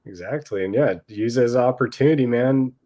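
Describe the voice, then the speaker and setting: A man's voice: mid-range voice, fairly quick, dark tone. A man co-hosting a podcast in casual chat, laid-back and often calling his friend "dude" and "man". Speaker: podcast co-host.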